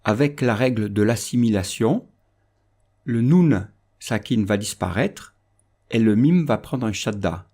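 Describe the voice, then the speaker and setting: A man teaching Quran recitation rules in a calm, measured instructional voice-over. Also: lowish voice.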